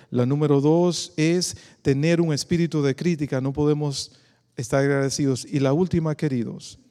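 A man's voice: on the high side, dark tone, big-room sound. A pastor from the Republic, preaching a sermon and quizzing his congregation with questions. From Dominican Republic. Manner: preacherly, asks the congregation questions, calls them "queridos".

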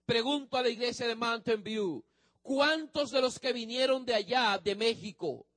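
A man's voice: very high voice, normal speed, a bit bright, no echo. A male pastor preaching a sermon, speaking emphatically to the congregation and drawing out the ends of phrases.

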